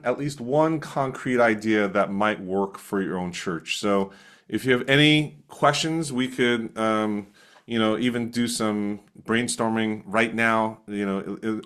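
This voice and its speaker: A man co-presenting a webinar, speaking in a relaxed, thoughtful way with frequent filler words. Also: fairly low pitch. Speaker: workshop co-presenter. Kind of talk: webinar discussion.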